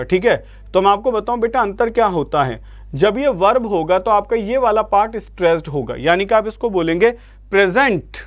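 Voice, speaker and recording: The voice is a man's, high and free of echo, with an Indian accent. He's leading an online vocabulary lesson, gently urging students on, repeatedly asking them to answer, and calling them "beta" again and again.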